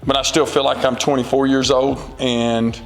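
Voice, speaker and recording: A man in his forties, a high school football coach, answering interview questions in an earnest, rambling way with many fillers. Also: little pitch movement, normal speed, gravelly, big-room sound, rough recording. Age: 40s.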